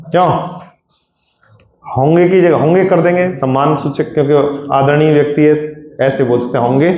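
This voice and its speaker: Hindi teacher lecturing in an echoey classroom. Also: male voice, fairly high pitch. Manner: explains patiently, asks students frequent questions. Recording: echoey classroom, dull lo-fi sound.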